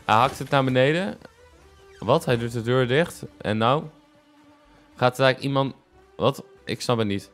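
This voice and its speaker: A young reaction-video host speaks at normal speed in a medium-pitched, slightly bright voice, pausing often as faint music plays. He's casual and exclamatory, dropping English slang throughout. He sits indoors in a small furnished room at home, headset on, with a desk microphone close to him.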